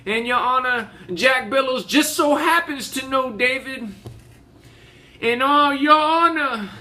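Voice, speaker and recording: A man playing a folksy, impassioned Southern defense lawyer in a courtroom monologue, with a honeyed, theatrical drawl and deliberate repetition for emphasis. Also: very high voice, sharp tone, exaggerated voice. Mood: indignant. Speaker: auditioning actor. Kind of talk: audition monologue, courtroom speech.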